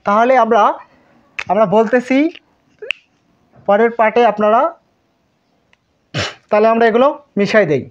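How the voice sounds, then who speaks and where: A woman's voice: fairly high pitch, steady tone, unhurried, long pauses. Patient woman teacher drilling syllables, muffled. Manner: patient, repeats syllables, thinks aloud while writing. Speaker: Japanese language teacher. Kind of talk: whiteboard lesson, slow drilling of syllables. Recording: muffled lo-fi recording.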